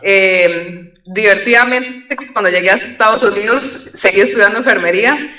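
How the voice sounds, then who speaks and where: A woman's voice: medium pitch, normal speed. Costa Rican woman on a roomy call. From Costa Rica. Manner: relaxed, reflective, uses many fillers like como and verdad. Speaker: airline pilot guest. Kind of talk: conversational storytelling interview. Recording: roomy echo, distant from the mic.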